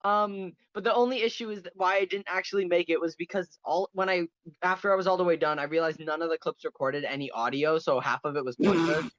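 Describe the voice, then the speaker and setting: A man's voice: high-pitched, fairly even intonation, quick pace, fairly bright tone, no echo. Guy hosting a podcast, rambly and restarting a lot, dry dull mic sound. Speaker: podcast host. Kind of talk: casual chat.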